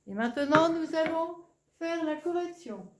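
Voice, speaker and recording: A woman's voice: very high-pitched, animated, measured pace, reverberant. A woman teaching a reading lesson to young children, patient and encouraging.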